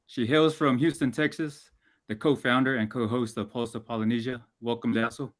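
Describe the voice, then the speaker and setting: Host, male, from American Samoa, formal and measured, mid-pitched, video-call sound. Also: fairly even intonation. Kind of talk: hosting an online panel.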